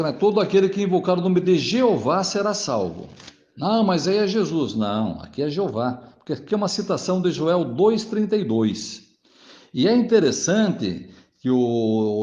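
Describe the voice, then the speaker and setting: A man's voice: on the high side, a little mellow. A man, a Jehovah's Witness answering a pastor in a recorded monologue. He speaks formally to the listener, often adds "né?" to his sentences, and reads scripture passages aloud. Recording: dull, lo-fi audio.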